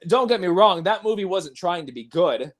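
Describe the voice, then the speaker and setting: A man's voice: high-pitched, expressive, normal speed, background noise. A man hosting a casual livestream movie chat, rambling with frequent chuckles. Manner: rambling, laughing often. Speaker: host.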